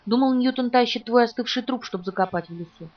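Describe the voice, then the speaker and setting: A woman reading an audiobook, voicing a calm, mocking teenage boy in a teasing, unhurried way. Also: a little high, natural voice. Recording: distant, muffled, soft music.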